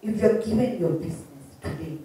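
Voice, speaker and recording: A woman's voice: lowish voice, animated, fairly quick, warm tone. A Kenyan woman with a Kikuyu accent talking as an interview guest, emphatic, repeating phrases and posing rhetorical questions. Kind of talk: animated motivational interview talk. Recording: very echoey room, distant mic, faint noise.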